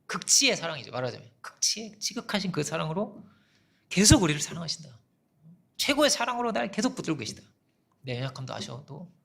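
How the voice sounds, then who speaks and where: Animated conversational man preaching. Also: high voice, vocal fry. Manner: animated, conversational, asks the congregation questions. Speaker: pastor. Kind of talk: sermon.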